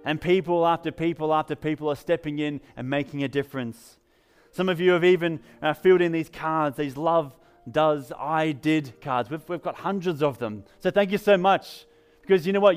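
Soft music plays as an English-accented pastor delivers a storytelling sermon at a church service, keeping things upbeat and conversational. He speaks at a moderate pace in a slightly high voice that is clear and resonant.

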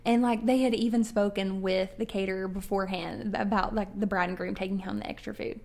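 A woman's voice: medium pitch, fairly even intonation, a little fast, creaky, a little mellow. A young woman co-hosting a casual chat, reading listener stories aloud and laughing often. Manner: chatty, laughs often, reads submissions aloud. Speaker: podcast co-host.

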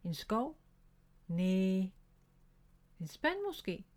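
A drowsy, forgetful little animal boy from a children's storybook, put on by a woman reading aloud. He wonders aloud in a slow, sleepy way. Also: mid-range voice, big pitch swings, a little mellow, close to an everyday voice. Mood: sleepy wondering.

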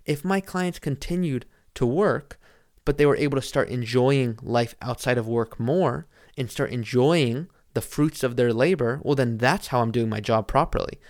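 A man's voice: medium pitch, normal speed, no room sound, clean studio sound. A man hosting a solo podcast as a financial planner, explaining directly to the listener and posing rhetorical questions. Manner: poses rhetorical questions and answers them.

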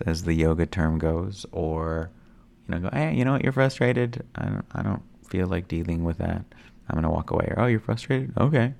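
A man's voice: a bass voice, creaky. A man hosting a stream-of-consciousness podcast, musing reflectively in a rambling way with many fillers and restarts. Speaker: podcast host.

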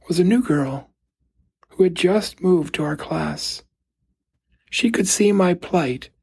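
A man giving a slow, reflective homily as a priest, pausing gently between phrases. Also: high voice, vocal fry, breathy edge. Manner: slow, gentle, thoughtful pauses.

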